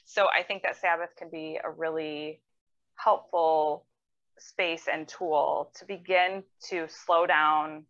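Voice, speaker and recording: A woman counselor speaking as an interview guest, explaining things in a measured, thoughtful way. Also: low-pitched, fairly even intonation, fairly bright tone, dull audio. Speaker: mental health counselor.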